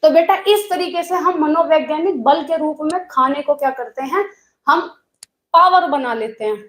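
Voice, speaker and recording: A woman's voice: high voice, normal speed, fairly bright tone, reverberant. A young woman teaching an online exam-prep class in a chatty way, calling her students children and telling stories from her own life.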